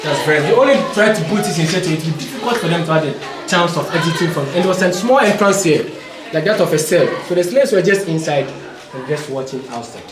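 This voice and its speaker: A man's voice: fairly high pitch, lively intonation, quick pace. A male tour guide patiently explaining step by step, his voice ringing with cave echo in an underground stone dungeon. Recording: echoey cave, distant mic, noisy.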